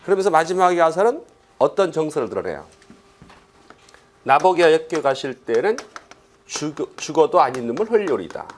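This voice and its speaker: Lively male lecturer firing rhetorical questions. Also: on the high side, normal speed, pauses often, slight background noise. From Korea. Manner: lively, fires rhetorical questions, acts out quoted lines. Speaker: Korean language exam lecturer. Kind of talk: classroom lecture.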